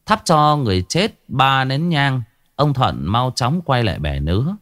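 A man narrating a ghost story as a storyteller, telling it in a dramatic, expressive way. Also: fairly low pitch.

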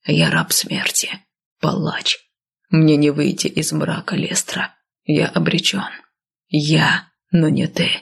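A woman's voice: low voice, big pitch swings, slow, creaky, breathy edge, voice pushed down, heavily acted. A woman voicing a grim, stubborn man cursed and bound to death, curt and stern, in an audiobook. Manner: stern, curt, speaking through clenched teeth. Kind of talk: audiobook character voice.

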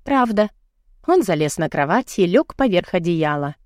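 A woman reading a first-person novel aloud as an audiobook narrator, expressive, with her voice lifting high for the heroine's lines. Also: normal speed, no echo, clean studio sound.

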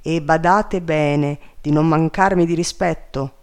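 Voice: medium pitch, fairly even intonation, unhurried, darkish tone, lightly acted. A reader voicing a haughty, commanding fairy godmother in a storybook reading, raised and scolding. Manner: imperious, scolding.

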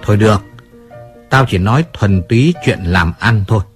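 A man reading the part of a calm, businesslike male family lawyer in an audiobook, measured and placating. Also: mid-range voice, husky, soft background music. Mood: weary.

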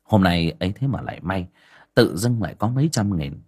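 A man narrating an audiobook in a dramatic, expressive way. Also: sits low, fairly quick, slightly rough. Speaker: storyteller.

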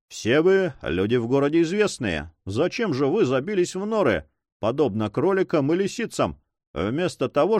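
A man's voice: a little high, a little mellow, dry recording, clean studio sound. A man reading as an icy pirate chief. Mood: cold. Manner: icy, mocking and unhurried. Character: cold, ruthless male pirate leader.

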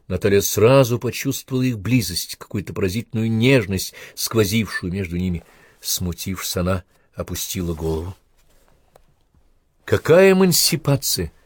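A male audiobook narrator reads in a calm, measured way with a low voice. The recording is dry and close, with no room sound. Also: no room sound. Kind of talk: scripted narration.

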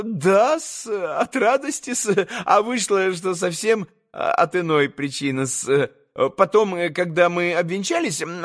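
A man's voice: sits high, fairly bright tone. A man reading an audiobook, voicing a servile, giggling old landowner who stammers and hedges politely. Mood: sheepish. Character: fawning old male landowner, giggling and hesitant.

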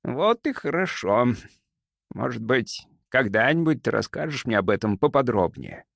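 A man voicing a sly, smooth-talking older male doctor who speaks softly and stays unflappable. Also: mid-range voice, normal speed, no room sound, clean studio sound. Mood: gentle, fatherly. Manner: soft, sweetly calm, unflappable.

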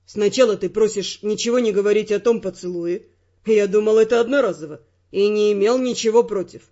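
A woman's voice: medium pitch, fairly quick, mellow, muffled recording, pitched below the performer's own voice, lightly acted. A woman voicing a wry, persistent young male secret agent who argues his point evenly. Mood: reasoning.

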